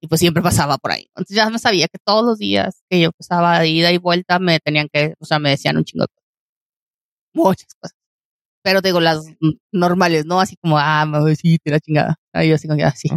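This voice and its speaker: A woman's voice: low voice, steady tone, fast talker, gravelly, no echo, clean studio sound. A young woman with a Mexican Spanish accent chatting casually and telling anecdotes in slangy speech, often laughing. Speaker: podcast co-host. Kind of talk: casual chat, storytelling.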